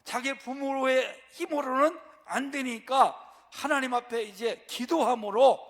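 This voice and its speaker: A man's voice: very high voice, measured pace, a bit bright. A man preaching a Sunday sermon as pastor, asking rhetorical questions and answering them himself. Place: church sanctuary. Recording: long church reverb.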